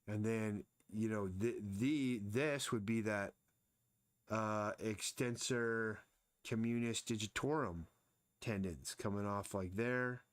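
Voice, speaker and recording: A man's voice: on the low side, fairly even intonation, slow pace, dry recording. A man casually thinking aloud as he sketches and explains anatomy during a live drawing stream. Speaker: artist streaming his drawing.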